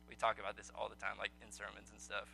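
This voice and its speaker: This man's fairly low, creaky voice is completely flat yet bright and forceful, delivered quickly, with a little hiss or hum present. He casually leads an evening Bible study for a small group indoors, quizzing them and using frequent ums.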